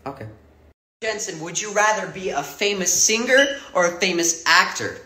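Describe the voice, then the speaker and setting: A young man hosts a casual would-you-rather vlog, joking, laughing and calling his friend bro. His voice is bright and sharp, with pitch that swings a lot. It rings in a roomy, echoey space. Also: expressive, moderate pace. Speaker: vlog co-host asking questions.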